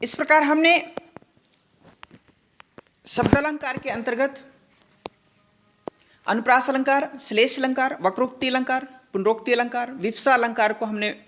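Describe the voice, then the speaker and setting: A woman's voice: high voice, measured pace, pauses often, a bit bright, a little hiss or hum. A woman teaching a grammar lesson, asking questions and answering them herself, checking in with the class again and again. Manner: checks in often with "thik hai" and "hai na".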